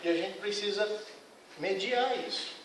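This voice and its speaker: A man's voice: sits high, measured pace, slight background noise. A man giving a spiritist lecture to a congregation, earnest and admonishing, speaking frankly to the audience. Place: lecture hall of a spiritist center. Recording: echoey hall, mic at a distance.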